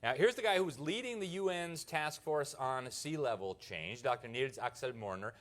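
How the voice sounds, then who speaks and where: A man's voice: mid-range voice, animated, normal speed, a bit bright. A man from the United States giving a conference speech, with mocking, sarcastic asides. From United States (Miami). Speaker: journalist giving a conference talk.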